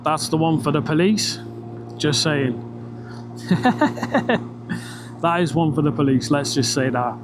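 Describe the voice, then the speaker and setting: British male motovlogger, higher-pitched voice, talking inside a helmet, casual rambling chat, sweary, clear engine and wind noise. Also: fairly even intonation, normal speed. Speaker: vlogger. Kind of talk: casual ride-along motorbike vlog chat. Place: outdoors, riding a motorbike on country roads. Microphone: microphone inside a helmet. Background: motorbike engine and road noise.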